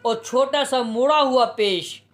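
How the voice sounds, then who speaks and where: A man teaching a reading lesson, spelling letters and vowel marks out slowly and patiently, often asking a question and answering it himself. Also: very high voice.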